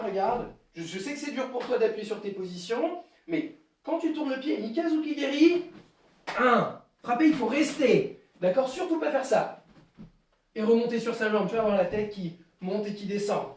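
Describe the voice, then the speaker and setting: A man teaching a live online karate class, explaining moves and counting them out with sharp shouted cues. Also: very high voice, recorded from a distance. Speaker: karate instructor. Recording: echoey room, voice away from mic.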